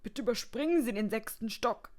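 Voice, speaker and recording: A tired, grumpy male hotel guest from a children's storybook, voiced by a woman. He complains loudly and indignantly, and his slightly high voice swings up and down. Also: animated, fairly quick, lightly acted. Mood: determined.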